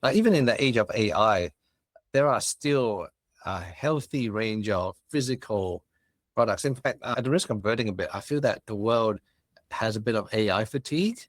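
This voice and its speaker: Speaking at a moderate pace in a lowish, expressive voice, a Hong Kong man in his forties chats expansively as a podcast guest in a casual interview; he's a business founder. His accent mixes Australian, British and Cantonese, and the recording has no room sound.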